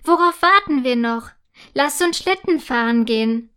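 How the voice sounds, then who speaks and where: A woman reading a children's story voices Luna, a young girl, gently and slowly. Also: high voice. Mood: joyful. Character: young girl Luna, easily let down, then delighted. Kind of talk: storybook character voice.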